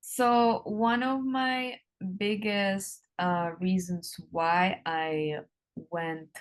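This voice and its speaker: A woman in her thirties from the Republic, a guest answering interview questions in an unhurried way with frequent ums and drawn-out words. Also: mid-range voice, fairly even intonation. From Czech Republic. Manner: hesitant, many ums, slowing and drawn out.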